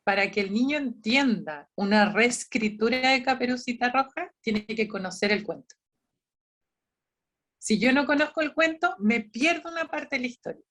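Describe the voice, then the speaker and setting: A woman's voice: fairly high pitch, moderate pace, fairly bright tone. A woman, a librarian running an online training session for volunteer storytellers, explaining in a chatty way with many restarts and quoted dialogue.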